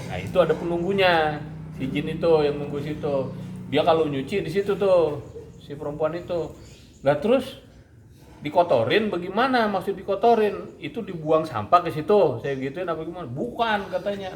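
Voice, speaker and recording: A man's voice: a little high, moderate pace, roomy sound, a little hiss or hum. A man, an Islamic preacher telling a story in casual talk and acting out the voices of the people in it.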